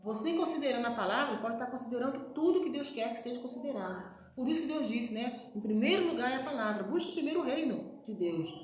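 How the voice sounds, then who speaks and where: A woman preaches informally, checking in with her listeners at almost every turn. Her voice sits a bit high. She sounds like she's in a very echoey room, with faint background noise. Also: lively intonation, quick pace, few pauses. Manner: chatty, repeats "né" and "gente" to the listeners. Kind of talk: informal sermon.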